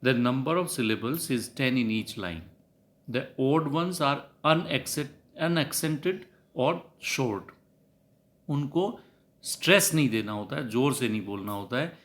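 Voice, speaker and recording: A man's voice: medium pitch, very slow, a bit bright. A middle-aged man with an Indian English accent giving a recorded college literature lecture, explaining each point again in Hindi. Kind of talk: recorded lecture over slides.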